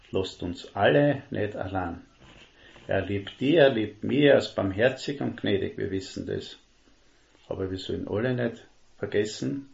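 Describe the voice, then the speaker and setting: A man preaching a sermon, earnest and emphatic, slowing down to stress key words. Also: on the low side, creaky, a little mellow. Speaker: lay preacher. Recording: dull lo-fi recording.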